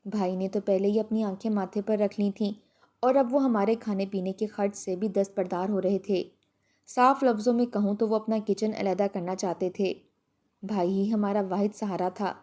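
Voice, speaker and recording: A woman narrating an emotional first-person story with steady, heartfelt reading. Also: mid-range voice.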